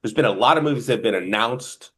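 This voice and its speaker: A man's voice: medium pitch, fast talker, a bit bright. A man with a New Jersey accent co-hosting a casual film review podcast, rambling in a stop-and-start way. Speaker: podcast co-host.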